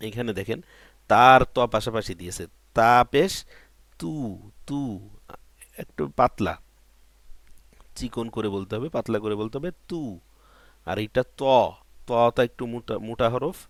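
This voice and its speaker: A man teaches how to pronounce Quran letters in a patient, step-by-step lesson. He drills the syllables one by one, repeating and stretching them out, and poses questions that he then answers himself. His mid-range voice is slightly bright and moves at a moderate pace in a dry recording.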